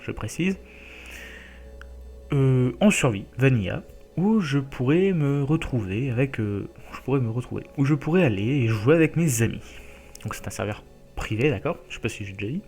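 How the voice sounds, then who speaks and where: A man's voice: medium pitch, animated, normal speed, darkish tone, faint music behind. A man casually introducing his gaming series, talking loosely with many fillers and repeated "okay?" checks. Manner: chatty, full of fillers and checks like "d'accord?".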